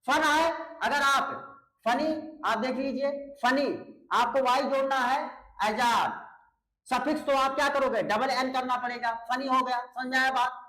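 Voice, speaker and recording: A man's voice: extremely high pitch, steady tone, a little slow, sharp tone. A male English teacher giving a classroom lesson, repeating key words and calling his students brother and friend. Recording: echoey room.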